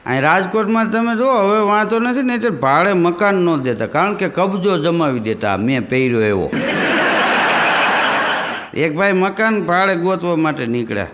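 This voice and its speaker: A man with a Kathiawadi Gujarati accent telling stand-up jokes in a folksy storytelling way, jumping into quick character voices. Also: high voice, sing-song, long reverb tail, very noisy. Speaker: comedian.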